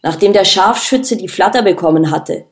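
A man's voice: high-pitched, moderate pace, lightly acted. Woman reading a know-it-all bespectacled cop.

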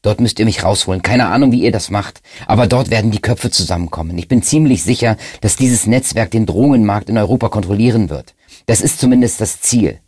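A man voicing a tense male undercover informant who talks in a hurried, urgent, clipped way, in an audiobook reading. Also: on the low side, darkish tone, husky, no room sound, voice pushed up.

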